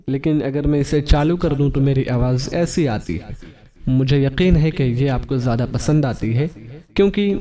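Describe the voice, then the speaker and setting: Man explaining a phone audio app, mellow voice. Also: mid-range voice. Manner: explanatory, repeats "theek hai" to check in. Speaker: audio tutorial host. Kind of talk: step-by-step software tutorial. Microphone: phone microphone.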